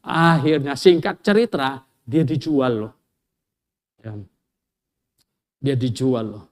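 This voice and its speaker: A man with an Indonesian accent, a pastor preaching a sermon, telling a story with lively swings from loud exclamations to quiet asides and acting out the people in it. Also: mid-range voice, slow pace.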